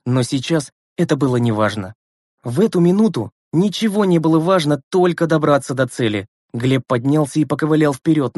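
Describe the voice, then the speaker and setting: Male audiobook narrator, expressive, slightly high-pitched, dry studio. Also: dry recording. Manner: measured, expressive storytelling. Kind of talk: scripted narration.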